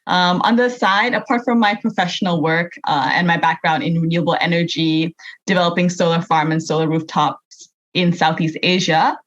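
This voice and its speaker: A woman's voice: fairly low pitch, steady tone, moderate pace. A young adult woman from Thailand, answering conversationally as a podcast guest. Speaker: podcast guest, youth energy advocate. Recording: dull lo-fi remote recording.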